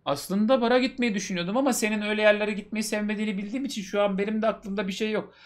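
A man reading out the lines of a gentle, eager young man from a story in a lifted, earnest voice. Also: sits high, steady tone, racing, pitched above the performer's own voice, lightly acted.

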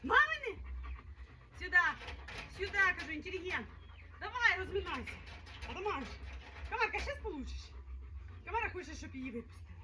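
Lively high-voiced woman cooing at puppies. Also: a little fast, pauses often, noisy background. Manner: playful baby talk to dogs, laughing. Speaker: dog breeder. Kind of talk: casual vlog talking to puppies.

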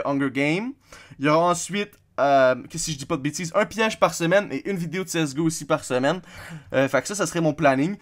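Give me a fast, rambling Québécois man. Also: fairly high pitch. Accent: Québécois French. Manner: rambling, full of fillers and restarts, addresses viewers as friends. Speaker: gaming YouTuber. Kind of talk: casual channel update monologue.

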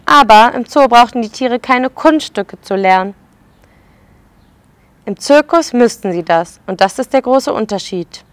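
A preschool educator with a slightly high, expressive voice reads a picture book aloud to children, stopping to explain the pictures. The recording is dry.

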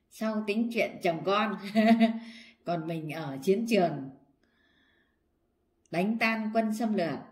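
An older woman reads her own old poems aloud for a casual vlog. She takes the lines at a slow, unhurried pace in a mid-pitched voice. She keeps breaking into laughter between verses. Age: 60s. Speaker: vlogger.

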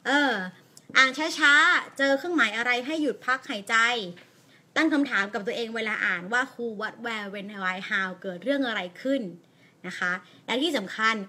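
A woman teacher with a Thai accent speaks in a bright, slightly high voice. She talks in an encouraging, chatty way to viewers of a live lesson and reads aloud slowly, pausing at each comma and full stop. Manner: slow, deliberate reading aloud with pauses at punctuation. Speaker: English teacher. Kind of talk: live-streamed language lesson.

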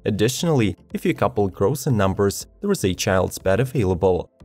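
A man narrating a scripted product video in an even, measured read of specifications. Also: on the low side. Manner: even, measured reading of specs. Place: studio voice-over. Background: faint background music.

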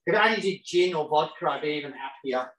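A man with a slightly high, fairly bright voice talks fast with lively intonation as he leads an informal live cooking session in his home kitchen. He's camp, chatty and cheeky on the side. A camera he set up records it, and the room echoes noticeably.

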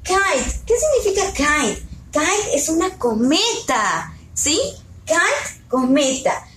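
A woman's voice: high voice, sing-song, a bit bright, a little hiss or hum. Patient woman teaching children in an echoey room. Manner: slow, patient, asks questions and repeats words. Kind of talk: bilingual lesson for young children.

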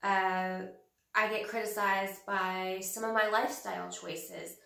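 This woman in her thirties has a mid-range voice that is bright and forceful, with vocal fry and a steady tone, plus a little nasality from a cold. She vlogs casually to the camera from a small home office, speaking earnestly, slowly and hesitantly with many fillers. The camera sound is roomy and slightly distant.

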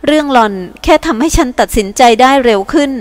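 A gentle alien soul in a woman's body, read by a female narrator, pleads softly through tears. Her voice sits a touch high, in a tender audiobook reading. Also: fast talker, long reverb tail, natural voice. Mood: tearful pleading. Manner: soft, sobbing pleas.

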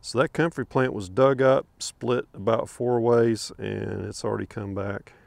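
An older homesteader films a walkthrough of his garden from behind a handheld camera, rambling easily with lots of fillers and chuckles. His mid-range voice is unhurried, creaky and fairly even in intonation, with no room sound.

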